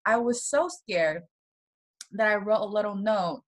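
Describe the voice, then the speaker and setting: A woman from Taiwan, a guest in an interview, telling her personal story in a soft voice with nervous little laughs. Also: mid-range voice, measured pace. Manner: soft-spoken, laughs nervously between painful memories.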